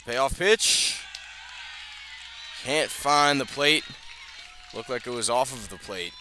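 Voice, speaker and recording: Calling live baseball on the radio from an outdoor ballpark, an American man speaks slowly with a sharp tone in a mid-range voice. The audio is poor, with chatter behind him and clear ballpark ambience and noise.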